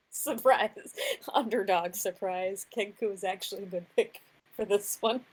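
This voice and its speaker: A woman's voice: mid-range voice, husky. A woman chatting casually as a player in a tabletop game, playful and giggly.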